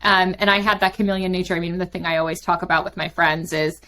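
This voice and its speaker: A woman's voice: lowish voice, fairly even intonation, quick pace, pushed and bright, slight background noise. Chatty woman in her thirties, grew up in london, talks freely with ums. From London, England. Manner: chatty, many fillers and likes. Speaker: guest, company founder. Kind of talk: interview.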